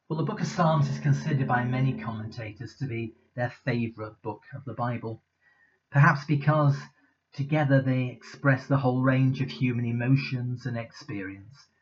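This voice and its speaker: Man giving a measured sermon. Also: mid-range voice. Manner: measured, conversational preaching. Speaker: preacher. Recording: slightly dull lo-fi recording.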